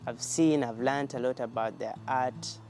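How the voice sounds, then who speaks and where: A man volunteer reflecting in a measured way on his time abroad. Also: medium pitch, fairly even intonation, a little mellow, soft background music. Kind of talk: personal testimony.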